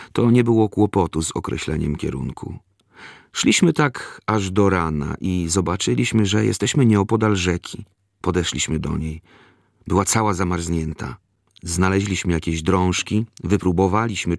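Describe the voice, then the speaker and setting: A man reading a first-person memoir aloud in a measured, unhurried storytelling manner. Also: low voice, vocal fry, dry recording, clean studio sound. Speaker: narrator. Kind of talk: scripted memoir narration.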